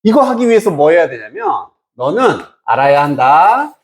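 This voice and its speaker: A man teaching an English reading lesson, asking and answering his own questions and drawing out English words slowly. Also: on the high side, huge pitch swings. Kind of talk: lecture.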